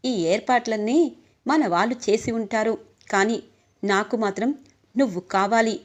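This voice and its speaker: A tender young husband from a serial, wooing his wife, read out by a woman in her own slightly high voice. The tone stays soft and plain. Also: moderate pace, lightly acted.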